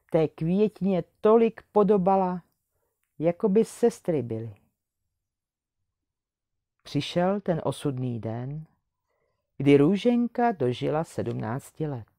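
Low-voiced woman reading a fairy tale. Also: dry recording, clean studio sound. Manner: expressive storybook reading. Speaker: storyteller.

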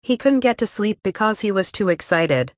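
A woman slowly reading a list of English phrases, each followed by an example sentence. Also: mid-range voice, animated, dry recording, studio quality. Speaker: English teacher.

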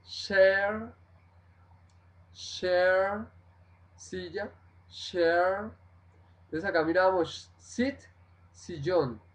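Very slow-spoken man teaching vocabulary. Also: high voice, poor audio. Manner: slow, repeats each word, switches between languages. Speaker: English teacher. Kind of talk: vocabulary lesson, livestream.

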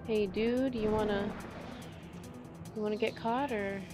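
A woman's voice: mid-range voice, steady tone, unhurried. A woman giving casual let's play commentary, chatty and exclamatory, talking to the game's creatures as she plays. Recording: game music playing behind.

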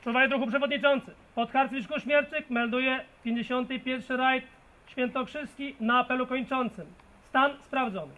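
A man's voice: very high-pitched, steady tone, normal speed, bright, forceful tone, low-quality recording. A man commanding a scout parade, barking clipped orders like a drill sergeant in the open air. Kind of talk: shouted ceremonial parade commands. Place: outdoors at a forest clearing. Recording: outdoor field recording, faint background noise.

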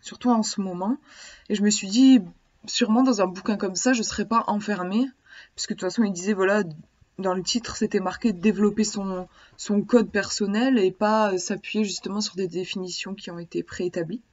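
A woman's voice: mid-range voice, fairly even intonation, a little fast, darkish tone. Chatty hesitant woman vlogger, lo-fi sound. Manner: hesitant, many restarts, chatty and eager. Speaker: vlogger reviewing a divination book. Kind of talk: casual vlog talk to camera. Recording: dull lo-fi sound.

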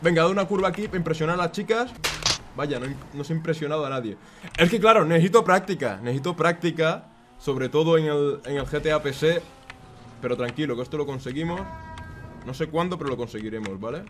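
A young man giving excitable, self-mocking commentary while playing a racing game. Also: on the high side, fast, a little hiss or hum. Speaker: gaming YouTuber.

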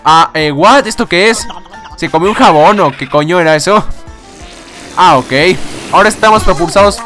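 A young man casually commenting on a game, excitable, swearing and laughing often. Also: sits high, normal speed, faint music behind. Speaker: gaming YouTuber. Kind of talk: casual let's-play commentary.

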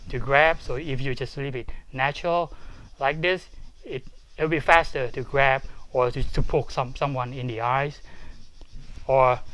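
Slow-paced male karate instructor, mid-pitched, halting and repetitive, walking through each move. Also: fairly bright tone, a little hiss or hum. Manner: halting, repeats words, explains each step twice. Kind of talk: demonstrating and explaining technique. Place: karate dojo.

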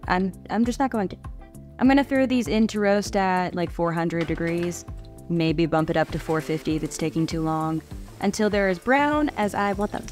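A young adult woman chats casually while cooking in her home kitchen, a vlogger with a wry, self-deprecating manner. Her lowish, slightly mellow voice moves at a moderate pace, with faint music in the background.

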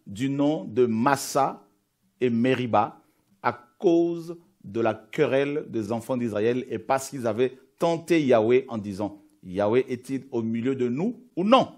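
A man's voice: mid-range voice, darkish tone. A man preaching a sermon, reading scripture aloud and building to emphatic, rising passages. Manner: emphatic, builds intensity on key points.

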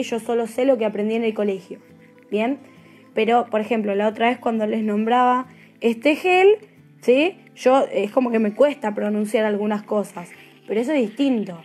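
Young woman, argentine accent, nail tutorial, chatty, slightly high voice, faint music behind. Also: normal speed, a little mellow. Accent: Argentine Spanish. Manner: chatty, keeps asking "¿sí?". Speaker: nail technician teacher. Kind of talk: live tutorial talk.

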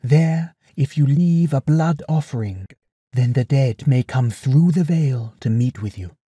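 Man doing a nymph goddess, higher voice, tentative, grave, mellow tone. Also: expressive, unhurried, breathy edge, no echo, studio quality. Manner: tentative, grave when explaining. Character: female nymph, lesser goddess, cautious.

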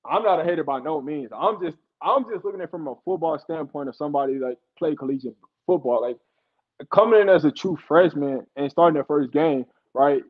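A man with a somewhat high voice breaks down football as a guest on a sports talk show. He explains insistently and repeats himself to make his point. His audio comes through dull and lo-fi. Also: fairly quick.

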